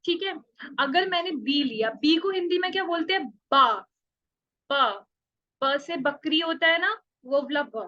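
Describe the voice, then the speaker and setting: A woman's voice: extremely high pitch, animated, moderate pace, bright, forceful tone, muffled recording. A woman teaching a beginners' Spanish class online, stretching out letter sounds and checking often that students follow. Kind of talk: online language lesson.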